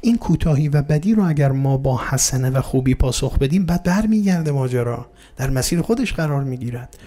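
A man delivers a religious lecture in a somewhat high, mellow voice. He keeps asking his listeners questions and answering them himself, and he speaks to them courteously, as to dear friends. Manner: addresses listeners politely and warmly. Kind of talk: explanatory religious talk.

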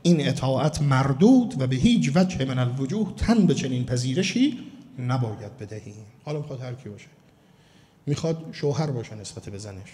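A man from Mashhad delivering a sermon as a cleric, emphatic and slowing down to stress key words. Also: medium pitch, animated, dark tone. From Mashhad, Iran. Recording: long hall reverb.

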